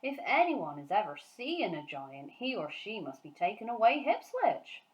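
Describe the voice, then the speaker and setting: A woman voicing a big friendly giant from a storybook, excitable and kindly, speaking emphatically in garbled grammar and nonsense words. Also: medium pitch, normal speed, dull audio, natural voice. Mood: explaining, earnest.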